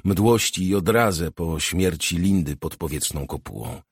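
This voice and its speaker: A man narrating a novel in a steady, measured reading. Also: deep voice, husky, dry recording, studio quality. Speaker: audiobook narrator. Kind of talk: scripted narration.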